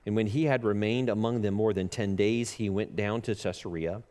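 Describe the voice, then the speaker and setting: A man preaching a sermon at a pulpit microphone, earnest and halting with frequent filler pauses. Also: lowish voice, fairly even intonation, dark tone. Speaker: pastor. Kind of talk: sermon with scripture reading.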